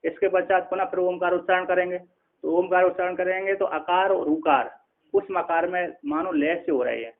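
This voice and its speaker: A man, a spiritual teacher, giving a scripture lecture, explaining slowly with many repetitions and checking in with his listeners. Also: high voice, fairly even intonation, gravelly. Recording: tinny phone-like lo-fi sound.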